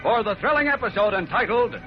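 A man's voice: high-pitched, animated, fast talker. An American man announcing and narrating a radio serial in an urgent, theatrical 1940s old-time radio style, building suspense. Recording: muffled old radio broadcast, loud music behind. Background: loud music.

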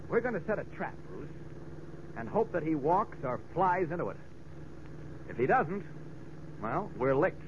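A man's voice: fairly high pitch, very animated, measured pace, pauses often. An actor with an American accent playing a confident, urgent newspaperman and secret hero in a 1940s radio drama. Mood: grave, determined. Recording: muffled, noisy vintage radio recording.

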